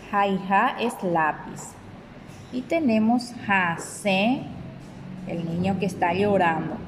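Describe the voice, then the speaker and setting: Slow-speaking woman teacher. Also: mid-range voice, a little hiss or hum, poor audio. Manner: slow, deliberate, spells out syllables for children. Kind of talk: slow recorded remote lesson.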